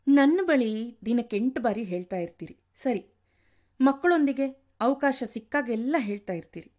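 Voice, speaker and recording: A woman reading aloud and voicing a nagging, sharp-tongued wife in her late sixties. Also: a little high, lively intonation, normal speed. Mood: scolding. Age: over 60. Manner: scolding, nagging. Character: sharp-tongued wife of sixty-eight, scolding.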